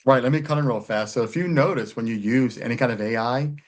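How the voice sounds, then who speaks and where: Man, mid-pitched voice, podcast host, friendly rambling chat. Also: quick pace.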